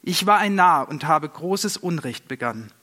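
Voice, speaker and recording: A man's voice: fairly high pitch, animated, moderate pace, pushed and bright. A man voicing a troubled older king in a storybook reading, speaking in a raised, questioning voice. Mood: remorseful. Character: older male king, anxious and remorseful. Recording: long reverb.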